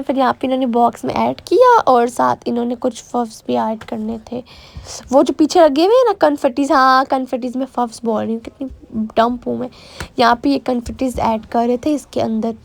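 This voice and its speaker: A young woman, narrating her vlog in a chatty, self-mocking way that often restarts mid-sentence. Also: high voice. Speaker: vlogger. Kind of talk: casual voice-over vlog narration.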